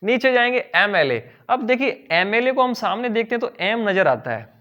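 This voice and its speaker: A young man with a high voice and an Indian accent teaches grammar in a classroom manner. He poses questions to his students and answers them, and he slows right down to drawl English phrases for emphasis. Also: sing-song, lo-fi sound. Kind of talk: classroom lesson in Hindi mixed with English.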